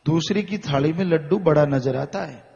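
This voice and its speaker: A man delivers a sermon in a high voice, building his warnings through slow, repeated phrases. The sound is muffled and carries a long hall reverb. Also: gravelly, a little mellow. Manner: slow, repetitive exhortation. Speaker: spiritual preacher. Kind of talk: Hindi sermon.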